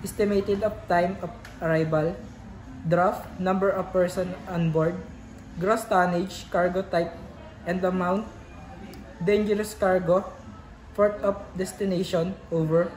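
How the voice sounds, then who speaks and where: A woman's voice: fairly low pitch, fairly even intonation, a little slow, darkish tone. A woman acting as a port radio operator, giving formal marine radio instructions in short set phrases. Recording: echoey room with background noise.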